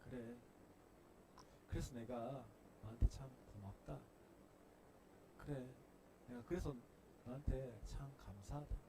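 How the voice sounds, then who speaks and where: A man preaching a sermon, voicing God as a gentle figure who softly thanks and coaxes. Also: mid-range voice, takes it slowly, long pauses, noisy background. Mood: tender. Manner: soft, coaxing, pleading. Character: gentle, tender male God pleading kindly.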